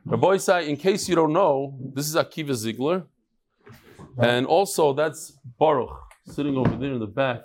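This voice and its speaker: A middle-aged or older rabbi teaches a Talmud class in an informal, conversational lecture full of chatty asides. His medium-pitched voice is animated and moderately paced as he poses questions and answers them himself.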